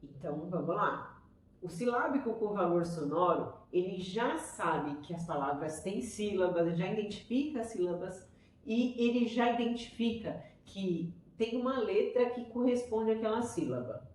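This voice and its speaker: A woman's voice: medium pitch, expressive, normal speed, darkish tone, slight background noise. A woman teacher with a Brazilian Portuguese accent, explaining children's reading stages to parents in an enthusiastic, chatty way. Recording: echoey room, voice from far off.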